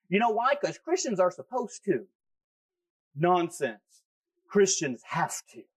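A man preaching a sermon as pastor, emphatic and repeating key phrases for effect. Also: sits high. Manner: emphatic, repeats key phrases, talks back to his own flesh.

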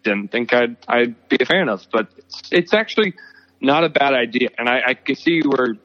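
A man on a video call whose audio breaks up, giving measured opinions in a casual chat. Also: medium pitch, expressive, fairly bright tone, dull audio. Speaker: podcast co-host. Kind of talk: casual chat about comics.

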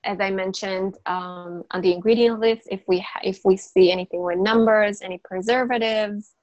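A non-native English-speaking woman, a natural health coach appearing as a podcast guest, explains nutrition in a casual interview, emphatic and repetitive, with frequent restarts and fillers. Her mid-range voice is darkish and fairly even in intonation, at normal speed. The lo-fi recording has no echo.

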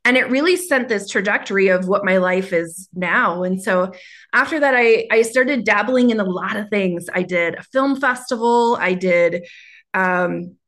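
Lively Minnesota woman, laughing storyteller. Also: mid-range voice, moderate pace. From Minnesota, USA. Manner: animated, laughs often, acts out her past self. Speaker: podcast guest, creative mentor. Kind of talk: casual interview chat.

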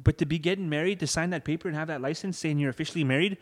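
Young guy telling his story, earnest, kinda high voice, long echo in the room. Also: rapid-fire. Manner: earnest, drops soft and low when moved. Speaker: interview guest. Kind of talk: emotional personal testimony. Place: room where he married.

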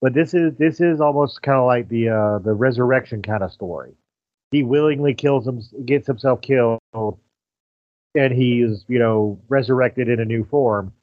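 A man's voice: mid-range voice, moderate pace, no echo. A man co-hosting a podcast, explaining his view carefully and tentatively in a casual fan discussion. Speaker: podcast co-host. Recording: close, dry, slightly dull audio.

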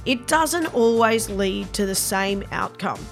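A woman's voice: mid-range voice, lively intonation, slow, vocal fry, soft background music. An Australian woman hosting a faith podcast, reading a scripted intro and then chatting eagerly with her guest. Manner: enthusiastic, earnest. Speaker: podcast host.

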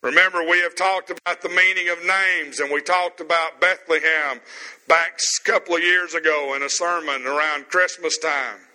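A man preaching a sermon as pastor, stressing words slowly with pauses, in an empty room. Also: fairly high pitch, steady tone, sharp tone, big-room sound, rough recording.

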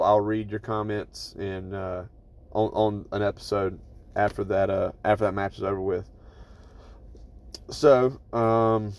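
A man hosting his own podcast, recorded on a phone voice recorder app. He talks in a casual, rambling monologue that is blunt and profane, with frequent restarts. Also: fairly low pitch. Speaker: podcast host. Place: inside his truck.

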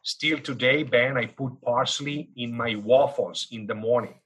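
A man in his fifties from northern Italy with an Italian accent, telling stories as an interview guest in an animated, joking way with many fillers. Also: mid-range voice, measured pace, husky, low-quality recording. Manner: animated, jokey storyteller with frequent fillers. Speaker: guest, business school dean. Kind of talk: casual interview storytelling.

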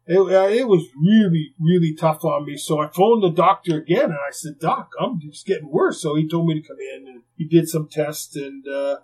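An older man, a retired hockey player, tells stories in an interview in a lively, conversational way, with frequent asides and acted-out quotes. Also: a little high, normal speed, hardly any pauses, slight background noise, poor audio. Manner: lively, conversational, heavy on "you know" asides, acts out quotes. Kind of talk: anecdotal interview storytelling.

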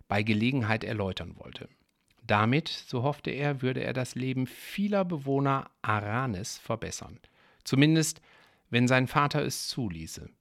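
A man reads a story aloud at a calm, measured pace and breaks off now and then for casual asides to his listeners. His voice is gravelly, with a rough texture low in his speech. The recording is close and dry. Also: no room sound. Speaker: story reader.

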